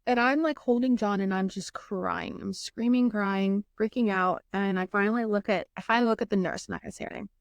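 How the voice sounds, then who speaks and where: A woman's voice: medium pitch, steady tone, brisk, few pauses, dry recording. A young woman hosting a podcast, telling a personal story candidly and emotionally, acting out what others said and swearing now and then. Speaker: podcast host.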